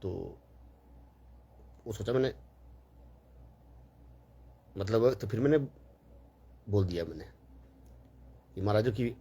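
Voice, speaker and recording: A man's voice: on the low side, takes it slowly, creaky, long pauses, mellow, husky. A man telling a long, rambling story in a casual, chatty way, full of fillers and quoted dialogue.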